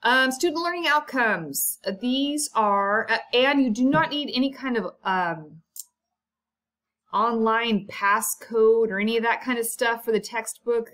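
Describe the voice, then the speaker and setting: A woman's voice: on the high side, a little slow, fairly bright tone. Chatty woman instructor going over a syllabus. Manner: chatty and informal, many ums and asides. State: coughing now and then. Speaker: college instructor. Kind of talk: casual syllabus walkthrough lecture.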